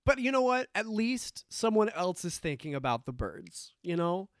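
A man's voice: high voice, sing-song, normal speed, no echo, clean studio sound. A man co-hosting a podcast in casual chat, explaining things and thinking aloud with restarts. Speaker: podcast co-host.

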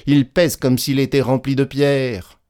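A man's voice: medium pitch, little pitch movement, a little slow, a little mellow, pitched above the performer's own voice, lightly acted. A man voicing a crafty, cheerful male peasant trickster in a storybook reading. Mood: musing. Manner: crafty, mock-fearful.

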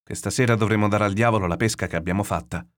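A hot-headed young fisherman, as a narrator puts him on, blunt and cursing under strain. Strong and restless, with a lowish male voice, read aloud as a storybook. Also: very fast, fairly bright tone, lightly acted. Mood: blunt, agitated.

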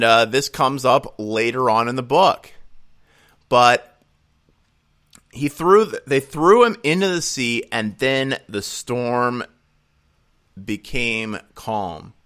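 A young man preaches with plain earnest conviction, moving between scripture reading and personal story. His voice sits at an ordinary male pitch. He swells loud and high on key points, then sinks low and slow.

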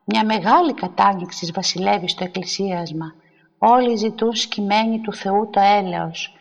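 A woman narrating a literary story in a measured, expressive reading. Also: mid-range voice, creaky, lo-fi sound. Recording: long hall reverb.

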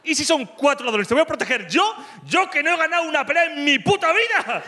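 A man voicing a boyfriend's frantic inner voice, shrill and panicked. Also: expressive, fairly quick, sharp tone, slight background noise, full character voice.

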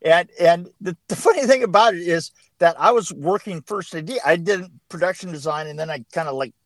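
A man's voice: high voice, a little fast, no room sound. A man telling rambling behind-the-scenes stories as an interview guest, with many restarts and bursts of laughter. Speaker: production designer guest. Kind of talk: casual interview chat.

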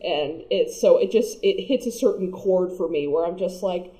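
A woman in a casual podcast chat over a call, animated, laughing often and restarting her sentences. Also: lowish voice, normal speed, rough recording. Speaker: podcast co-host. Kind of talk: casual chat reviewing an anime.

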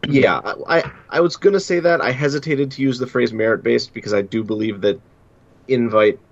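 A man co-hosting a podcast, giving his opinions in a measured, casual way. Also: mid-range voice, gravelly, no echo, dull audio. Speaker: podcast co-host.

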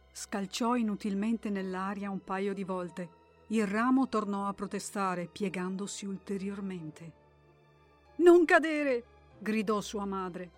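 A woman narrating a short story in a calm, measured way, with dramatic pacing. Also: medium pitch.

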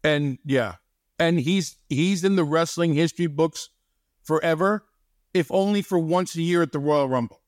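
A man's voice: fairly high pitch, normal speed, no room sound, clean studio sound. Folksy male wrestling podcast co-host. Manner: rambling, folksy, tells stories. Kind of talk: casual podcast chat.

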